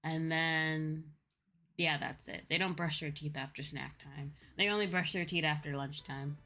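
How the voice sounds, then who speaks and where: A woman VTuber and streamer chats casually with her viewers over background music, explaining things conversationally and often repeating her points. Her voice is deep, pushed and bright, with fairly even intonation and an unhurried delivery.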